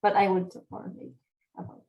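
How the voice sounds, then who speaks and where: Woman engineer on a webinar, low and flat, mellow tone, restarts often. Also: quick pace, gravelly, rough recording. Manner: repeats words, restarts. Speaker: agricultural engineer, presenter. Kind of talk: webinar introduction. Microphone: video call.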